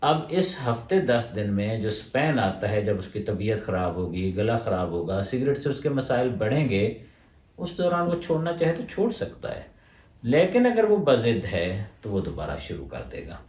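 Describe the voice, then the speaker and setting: A man's voice: lowish voice, big pitch swings, moderate pace, darkish tone. Man, homeopathic doctor, methodical explainer, echoey room, distant mic. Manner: explanatory, lays out points in order. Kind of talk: answering listener questions. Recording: roomy echo, voice from away from the mic.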